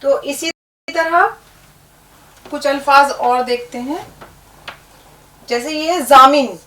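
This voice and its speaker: A woman's voice: sits high, slow pace, fairly bright tone. A woman teaching an Urdu lesson, patiently spelling words out letter by letter. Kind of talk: language lesson. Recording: echoey room, distant mic.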